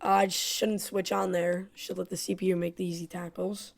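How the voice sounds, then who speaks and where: A woman's voice: on the low side, little pitch movement, moderate pace, creaky. A woman giving play-by-play commentary on her own football video game, frustrated and self-critical. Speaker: gaming YouTuber.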